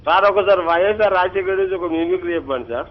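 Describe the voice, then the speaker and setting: A man's voice: high voice, quick pace, muffled recording. A man from Telangana calling into a TV show, politely repeating his request. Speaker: caller.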